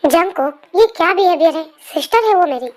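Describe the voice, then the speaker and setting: Woman voicing a gentle pregnant young wife. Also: extremely high pitch, animated, a little fast. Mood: gently chiding. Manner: soothing, gently chiding. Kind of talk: fan story narration. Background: faint music.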